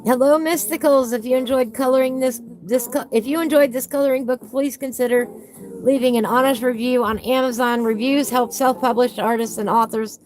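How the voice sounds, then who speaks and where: Flipping through a book during a relaxed live chat, a woman who hosts a coloring book channel gushes with folksy exclamations. Her S sounds have a whistle to them. She speaks fairly quickly in a somewhat high, slightly mellow voice with fairly even intonation.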